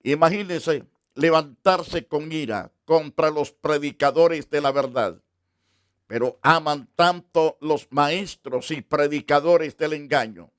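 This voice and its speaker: A man preaching a sermon as pastor, slow and deliberate, with emphatic repetition. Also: on the high side, clean tone, dry recording, studio quality.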